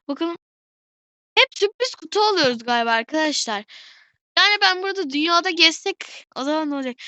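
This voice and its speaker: Bright, high-voiced excitable female gamer. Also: no echo. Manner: excitable, often addresses viewers, exclaims over details. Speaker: gaming channel host. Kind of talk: casual gameplay commentary.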